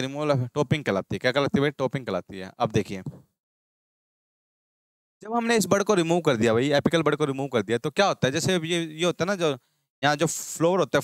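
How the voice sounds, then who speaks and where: Guy tutoring fast, quizzes himself over and over, smooth clear voice, kinda high, dry room. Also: no room sound. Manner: drills terms with repeated call-and-response questions. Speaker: agriculture teacher. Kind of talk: exam-prep lecture.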